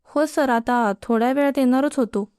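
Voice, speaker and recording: A woman's voice: sits high, normal speed, darkish tone, clear, resonant tone, no room sound, studio quality, pitched above the performer's own voice, close to an everyday voice. A woman voicing a cheeky, joking young male college student with a flippant way of talking. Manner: teasing, flippant.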